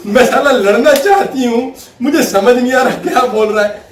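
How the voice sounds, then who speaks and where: Comic bit: a man voicing a nagging wife, exasperated, pitched up high, faint room noise. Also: moderate pace, reverberant, distant mic. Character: nagging quarrelsome wife, adult woman.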